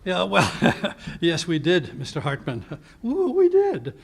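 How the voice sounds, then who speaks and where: A man playing a flustered, bumbling older gentleman doctor with a hesitant, stammering delivery in a live radio play. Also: sits high, wildly swooping pitch, slow, creaky, husky, heavily acted. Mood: flustered, reminiscing. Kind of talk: live recreation of 1940s radio drama.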